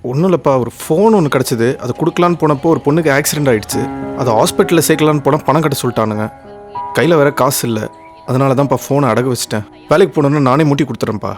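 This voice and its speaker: A respectful young son, quick and apologetic as he explains himself to his parents, played by a man. His voice sits at an even middle pitch. He talks fast with soft film music underneath. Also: close to an everyday voice. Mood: explaining. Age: young adult. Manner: polite, apologetic. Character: dutiful young son, respectful, slightly breathless.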